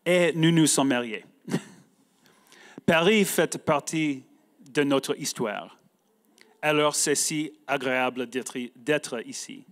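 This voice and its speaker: A man from the United States, a native English speaker, giving a prepared talk in halting French with an American accent. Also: fairly high pitch. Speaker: guest speaker. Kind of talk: prepared speech read aloud.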